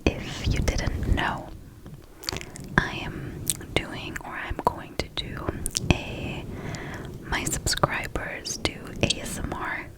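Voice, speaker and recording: A woman whispering casual ASMR chit-chat very close to the mic, in a sleepy manner, sometimes repeating words for tingles. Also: low-quality recording. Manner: slow, sleepy delivery. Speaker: host of an ASMR channel. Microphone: close mic, right by the mouth.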